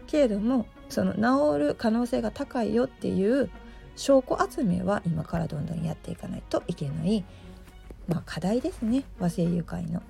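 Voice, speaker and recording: A middle-aged woman with a gravelly, just-woken hoarse voice, chatting casually and self-deprecatingly as the host of a solo show. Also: mid-range voice, moderate pace, mellow, soft background music. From Osaka, Japan. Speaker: host, aromatherapy shop presenter.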